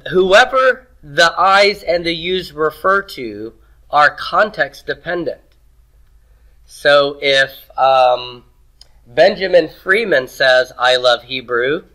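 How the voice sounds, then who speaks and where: A man with a sharp, mid-range voice gives a Hebrew grammar lecture in a classroom in Texas. Patient and conversational, he explains as he goes, now and then clearing his throat. The audio is poor.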